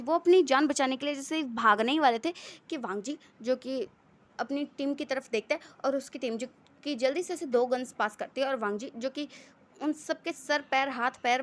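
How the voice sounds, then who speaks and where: A woman telling a fan-fiction story in a chatty, run-on way with many fillers. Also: sits high.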